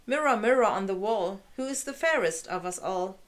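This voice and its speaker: A woman voicing a proud, vain and jealous evil queen in a storybook reading, with a sharp, snarling manner. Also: mid-range voice, lively intonation, moderate pace, lightly acted.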